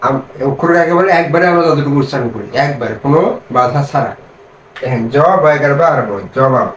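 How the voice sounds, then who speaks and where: A man teaching reading. He spells out syllables slowly, then asks the class questions and answers them himself. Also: mid-range voice, a little hiss or hum. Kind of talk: step-by-step reading lesson. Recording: echoey room, mic set far off.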